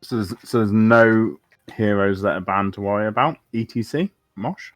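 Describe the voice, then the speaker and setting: A man's voice: on the low side, normal speed, no echo, soft background music. A man co-casting an esports match, chatty and speculative. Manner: chatty, laughs easily, speculative. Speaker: esports co-caster. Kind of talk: casual esports commentary.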